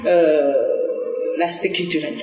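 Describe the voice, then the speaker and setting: Answering a TV interviewer, a middle-aged Korean diplomat speaks in a low-pitched, steady voice. She pauses frequently, says "euh" to fill gaps, and restarts her phrases, all in a roomy, dull audio reminiscent of an old lo-fi broadcast.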